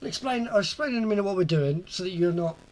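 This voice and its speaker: A man's voice: high voice, expressive, quick pace, darkish tone, slight background noise. A man chatting casually as a player in a streamed tabletop game.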